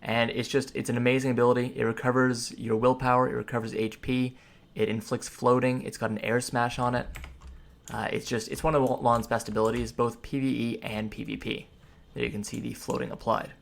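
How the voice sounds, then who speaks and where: A man's voice: mid-range voice, flat delivery, fairly quick, gravelly. A man giving casual, explanatory gameplay commentary, rambling through ability names and tips as he plays. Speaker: gamer giving a character class guide. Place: indoors at a computer, voice over gameplay.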